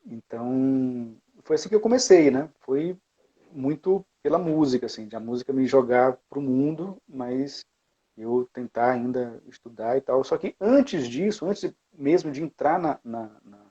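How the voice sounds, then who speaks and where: The recording is lo-fi, capturing a man with a warm, husky, medium-pitched voice speaking at a measured pace. He's from Bahia, Brazil, a guest in a casual interview reflecting on his path as a music educator, using plenty of fillers and restarts.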